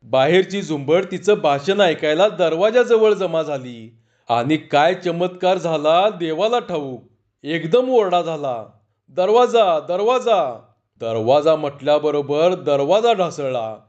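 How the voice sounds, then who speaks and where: Guy telling a funny village story, high-pitched voice, kinda muffled recording. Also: a little slow. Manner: lively, expressive narration. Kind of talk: Marathi storytelling narration.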